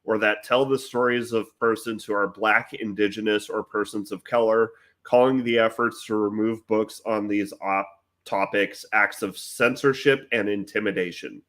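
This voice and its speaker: A man's voice: fairly low pitch, steady tone, normal speed, a bit bright. A man co-hosting a podcast, reading news articles aloud and chatting easily. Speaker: podcast co-host.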